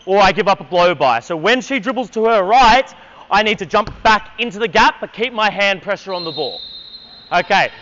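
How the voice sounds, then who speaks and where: A man's voice: high-pitched, fairly bright tone, muffled recording. A man coaching a basketball clinic on an indoor court, energetically calling out drills and counting down for players.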